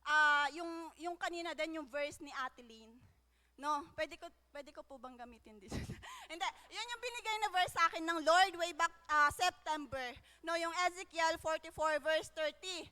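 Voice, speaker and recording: High-voiced young woman in a hall. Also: bright, forceful tone. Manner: halting, with many fillers and tag questions. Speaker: church member giving testimony. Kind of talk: personal testimony. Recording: long reverb of a large hall.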